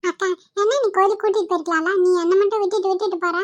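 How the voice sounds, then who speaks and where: A woman's voice: extremely high pitch, fairly even intonation, racing, highs cut off, pitched above the performer's own voice. A woman voicing a small hungry boy in a cartoon who whines and pleads like a young child. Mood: whiny.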